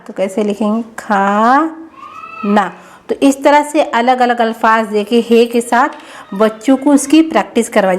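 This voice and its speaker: A woman teacher explaining children's practice worksheets to parents, slow and patient, drawing out and repeating each word. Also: fairly high pitch.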